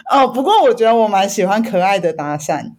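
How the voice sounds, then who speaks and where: Taiwanese mandarin accent lady hosting a podcast, chatty and casual, mid-range pitch, tosses in english words sometimes. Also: sing-song, fairly quick, a little mellow. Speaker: podcast host. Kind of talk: casual chat.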